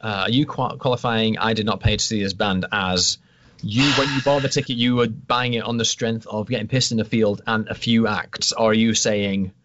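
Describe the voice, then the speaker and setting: A man's voice: fairly low pitch, fairly even intonation, moderate pace, a bit bright, slight background noise. A man from England in casual chat as a podcast co-host, dry, teasing and blunt with swearing. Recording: dull lo-fi sound.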